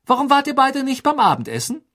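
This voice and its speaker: A man voicing a haughty, clever teenage girl who talks in a snippy, pitched-up way. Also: wildly swooping pitch, fast, a bit bright, exaggerated voice.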